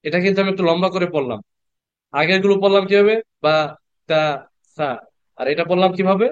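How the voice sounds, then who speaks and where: A man teaching Quran reading in an online class, patiently repeating letter sounds slowly and asking the class questions. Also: sits high, clear, resonant tone, dry recording, highs cut off. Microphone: computer mic on a video call.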